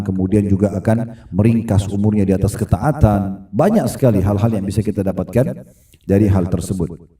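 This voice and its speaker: A man's voice: medium pitch, warm tone. A man giving a conversational Islamic lecture to a gathered audience, often checking that listeners agree. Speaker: Islamic preacher. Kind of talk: religious lecture. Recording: echoey room, voice from far off.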